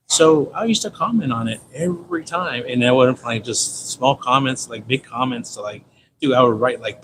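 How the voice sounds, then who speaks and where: Speaking at medium pitch, a Californian man in his fifties from San Diego chats on his livestream. The talk wanders, slangy and repetitive, and the background noise is easy to hear.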